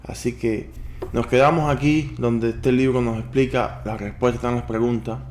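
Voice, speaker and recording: A man's voice: medium pitch, steady tone, moderate pace, darkish tone, a little hiss or hum. Man reading a business book aloud. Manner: advising, addresses viewers directly.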